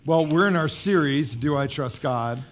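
A man's voice: a little high, lively intonation, normal speed. A man interviewing a guest in a casual, conversational way during a church service.

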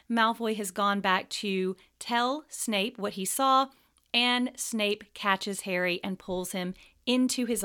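A woman hosting a podcast and reading aloud in a teacher's manner. Her pitch is mid-range, neither high nor low, and she explains things clearly for her class. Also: sharp tone. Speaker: podcast host and literature teacher.

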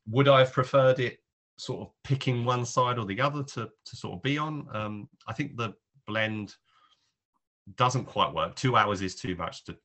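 A man with a very deep voice and a crisp, bright tone reviews a film. He talks casually and rambles, thinking aloud in hesitant clauses that trail off.

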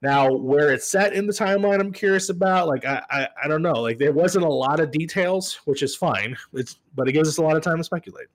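A man's voice: a little high, fairly quick, few pauses. A man co-hosting a podcast, chatting casually about video games in a rambling way that often interrupts itself. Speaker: podcast co-host.

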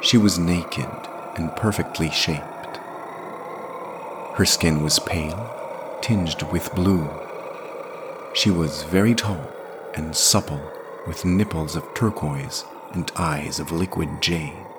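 A man narrating a scripted fantasy story in a measured, expressive reading. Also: sits low, noisy background.

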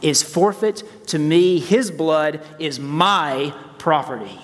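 A man's voice: a little high, slow pace. Cruel imperious witch queen read by a male pastor. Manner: claiming, imperious. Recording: church hall reverb, soft music.

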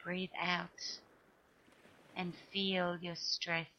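Slow, soothing woman guiding a meditation. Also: fairly low pitch, level tone, dull audio, a little hiss or hum. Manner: soothing, slow, spacing short phrases with long pauses. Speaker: guided meditation narrator. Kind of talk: guided relaxation meditation, scripted narration. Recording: music behind the voice. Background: music.

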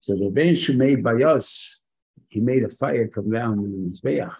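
A man's voice: medium pitch, moderate pace, vocal fry, darkish tone, husky, poor audio. A man gives an informal religious lecture as a rabbi, using rhetorical questions and short, emphatic repetitions. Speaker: rabbi giving a Torah lesson.

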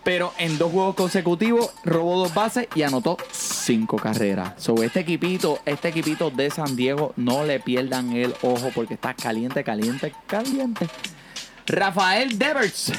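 A man hosting a casual sports podcast from home, energetic and teasing as he rattles off stats. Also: fairly high pitch, moderate pace, hardly any pauses. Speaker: podcast host. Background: music bed.

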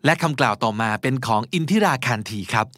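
Male podcast host teaching vocabulary, patient and lively delivery, close dry studio mic. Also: medium pitch, quick pace, no echo. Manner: explains words patiently, spells them letter by letter.

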